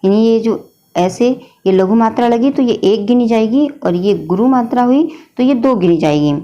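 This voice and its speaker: A woman's voice: on the high side, normal speed, dark tone, muffled recording. A woman teacher explaining a grammar lesson patiently, often addressing her students as children. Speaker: Hindi teacher.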